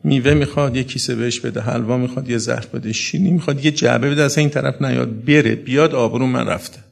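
Gravelly husky male preacher. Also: fairly even intonation. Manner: builds to high sobbing wails, speaks to the audience directly. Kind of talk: mourning sermon.

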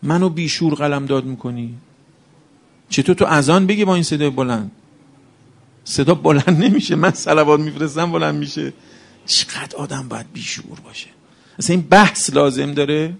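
Impassioned preacher man, gravelly voice. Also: on the high side. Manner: impassioned, rhetorical questions. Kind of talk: religious sermon.

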